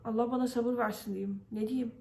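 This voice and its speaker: A woman's voice: on the high side, fairly even intonation, a little fast, creaky, mellow, a little hiss or hum. Turkish woman venting about bureaucracy. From Turkey. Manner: venting frustration, many fillers, quotes others. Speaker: vlogger. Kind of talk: casual personal vlog.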